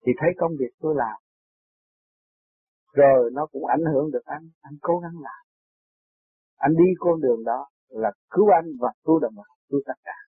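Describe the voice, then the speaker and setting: Guy preaching earnestly, high husky voice, sounds like an old phone-line tape. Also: dry recording. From Vietnam. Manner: earnest, preachy, rising to excited storytelling. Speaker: spiritual teacher. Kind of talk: impassioned spiritual talk and personal story. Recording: tinny lo-fi tape recording, dry.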